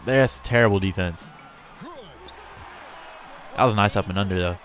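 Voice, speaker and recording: A man hosting a casual gameplay commentary, chatty and talking straight to his in-game players, with bursts of excitement. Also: low-pitched, normal speed. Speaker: gamer and channel host.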